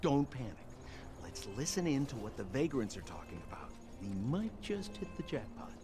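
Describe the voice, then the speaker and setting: A man's voice: mid-range voice, very animated, normal speed. A man voicing a glib, playful young trickster in a game. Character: sly, smooth-talking young male trickster. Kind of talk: game voice acting. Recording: game audio with music.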